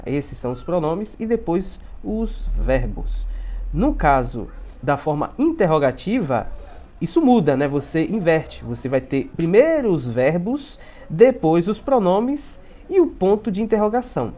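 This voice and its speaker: A man teaching an English lesson, who keeps adding tag questions and repeats example sentences slowly. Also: a little high, very animated, dark tone. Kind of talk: video language lesson.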